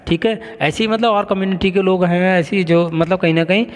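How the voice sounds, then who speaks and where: A man teaching a college class, explaining step by step and often pausing to check the class is following. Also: high voice, steady tone. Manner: explains with frequent checks of "ठीक है". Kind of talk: classroom lecture. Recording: long hall reverb.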